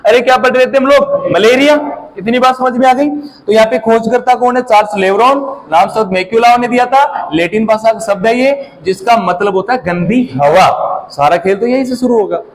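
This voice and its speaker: High-voiced man teaching a drilling class. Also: rough recording. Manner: quizzes the class with repeated call-and-response prompts; repeats key terms slowly for emphasis. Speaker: competition exam teacher. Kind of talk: classroom lecture.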